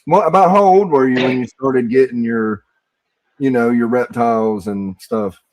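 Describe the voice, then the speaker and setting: A man's voice: medium pitch, moderate pace, darkish tone, no echo, low-quality recording. A man in his late thirties from Georgia, hosting a casual chat in a laid-back, slangy way. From Georgia, USA. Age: 30s. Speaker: host.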